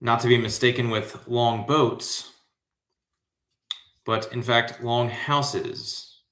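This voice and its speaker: A man's voice: mid-range voice, steady tone, slow, fairly bright tone. A man with an American accent, from Central Florida, hosting a casual livestream trivia show in a slangy, hyped, rambling way. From Central Florida, USA. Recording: echoey room.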